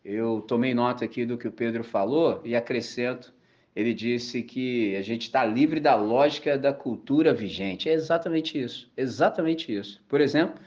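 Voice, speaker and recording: A man from Brazil preaching a sermon and telling funny anecdotes in slangy, animated speech. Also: mid-range voice, moderate pace. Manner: animated storytelling, slangy and laughing. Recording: dull lo-fi recording.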